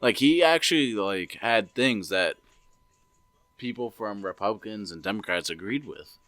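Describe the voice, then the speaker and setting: A young man co-hosting a podcast, talking in a brash, profane way with quick jokes, a bit tipsy. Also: on the low side, expressive, a bit bright, dry recording. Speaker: podcast co-host. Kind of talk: casual chat.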